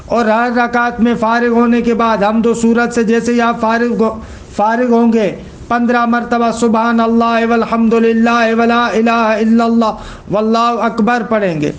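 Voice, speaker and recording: High-voiced man teaching religious law. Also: flat delivery. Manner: explains step by step, checks understanding with questions; recites quoted text slowly and deliberately.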